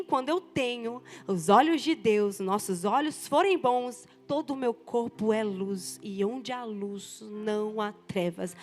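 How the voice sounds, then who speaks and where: A woman's voice: fairly high pitch, a bit bright. A woman with a Brazilian Portuguese accent, a senior pastor preaching an emphatic sermon to women.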